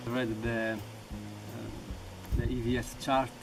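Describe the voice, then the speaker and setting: A young man from Sicily, an Italian speaker, answering questions about volunteering in a halting way with many restarts. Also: mid-range voice, little pitch movement, vocal fry. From Sicily, Italy. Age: young adult. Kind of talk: interview answers. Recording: distant mic with loud music.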